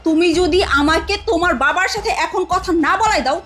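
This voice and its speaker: An actress playing a suspicious, hot-tempered young wife who demands and scolds in a TV family drama. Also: female voice, extremely high pitch, brisk, fairly bright tone, soft background music. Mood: furious. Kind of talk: Bangla TV drama acting.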